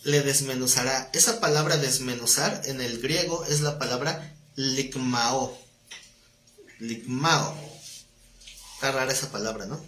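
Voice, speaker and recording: A man's voice: medium pitch, normal speed, a bit bright. A man teaching a live Bible class, talking conversationally, quizzing his students and joking with them. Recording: echoey room, faint noise.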